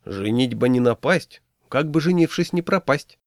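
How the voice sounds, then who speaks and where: A man's voice: mid-range voice, animated, moderate pace, dry recording, studio quality, pitched above the performer's own voice, natural voice. A man voicing a sarcastic, grumbling friend who drawls his gloomy warnings in a humorous story. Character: grumpy skeptical man, gloomy joker.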